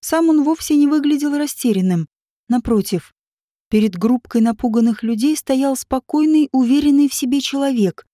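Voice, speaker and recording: A woman narrating an audiobook in a steady, even reading voice. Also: sits high, normal speed, no echo, studio quality.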